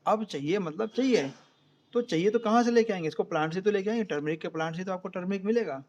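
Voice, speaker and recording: A man's voice: sits high, quick pace, a little mellow, dull audio. A man with an Indian accent teaching an online science class in Hindi, explaining step by step and often checking whether students follow.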